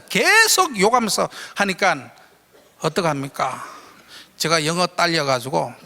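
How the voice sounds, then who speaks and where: A man preaching in a large church, telling an animated story with a high, bright voice that swings widely in pitch. His tone has a gravelly edge, and the sound rings out with a long hall echo. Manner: animated storyteller who acts out his own shouting. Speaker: guest preacher. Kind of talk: storytelling sermon.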